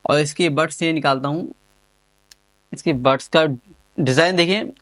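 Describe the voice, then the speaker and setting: Enthusiastic and informal, a man reviews gadgets unboxing-style, often repeating and circling back on what he says. He speaks at a moderate pace in a slightly high voice with a fairly bright tone. The recording is fairly dry and has no room sound.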